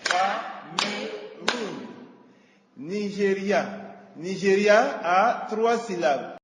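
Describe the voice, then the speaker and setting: A man with a high voice leads a scripted radio lesson, taking each word slowly and with care. His voice rings through an echoey hall with a long reverb tail. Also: lively intonation, very noisy. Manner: slow, deliberate teaching delivery.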